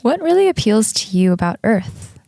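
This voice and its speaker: A woman voicing a male hypnotherapist who asks his patient careful, measured questions. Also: mid-range voice, big pitch swings, gravelly, warm tone, no room sound. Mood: probing.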